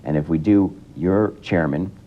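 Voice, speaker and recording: A teenage student guest talking in a relaxed, rambling way with many fillers, heard through an old 1980s TV broadcast. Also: male voice, measured pace. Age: teens. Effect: old 1980s TV broadcast sound. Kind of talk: casual broadcast interview. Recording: dull lo-fi 1980s TV broadcast with faint rumble.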